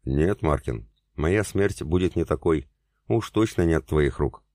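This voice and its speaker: A man voicing a cool, mocking older male commander in an audiobook, speaking in a calm, taunting way. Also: very deep voice, measured pace, no room sound, clean studio sound.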